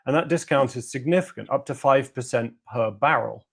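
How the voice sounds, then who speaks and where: A man's voice: mid-range voice, brisk, gravelly, a bit bright, slightly rough. A man, a guest analyst, giving sardonic, analytical answers in a political discussion interview.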